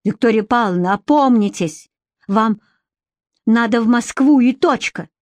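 A woman reading as a bossy female personal assistant who scolds and shouts when angry. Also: fairly high pitch, a little slow, no room sound, lightly acted. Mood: indignant.

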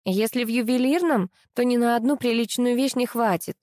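A woman's voice: a little high, brisk, a little mellow, no room sound, studio quality, voice pushed up, lightly acted. A woman voicing a haughty young beauty contestant who snaps and snorts at rivals. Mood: snappish. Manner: snorting, snappish.

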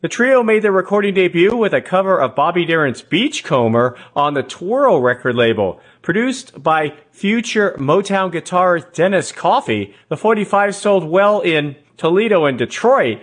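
A man with a fairly high, slightly husky voice hosts a radio show. He reads his scripted narration in a smooth, measured storytelling way. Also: lively intonation.

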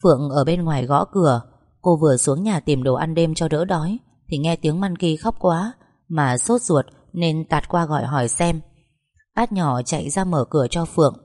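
Woman reading a story aloud, low voice, calm and steady. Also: normal speed. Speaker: narrator. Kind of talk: audiobook story narration.

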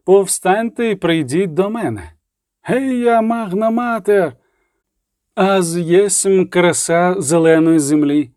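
Male reader doing a proud goddess-priestess, slow solemn chant, raised pitch, dry close sound. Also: a little mellow, no echo. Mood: solemn exalted.

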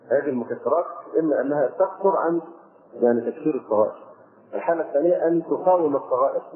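Fast-talking male scholar, tinny recording. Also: mid-range voice. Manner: explains verses line by line with fillers. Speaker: Islamic scholar. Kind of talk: religious lesson on scripture.

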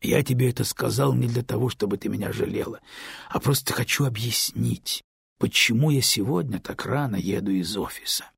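A man doing a dejected man in an audiobook, talking low and held back to an old friend. The voice is gravelly with vocal fry and very husky, close and dry. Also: no room sound. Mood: subdued. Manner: low, subdued, measured. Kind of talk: audiobook character reading.

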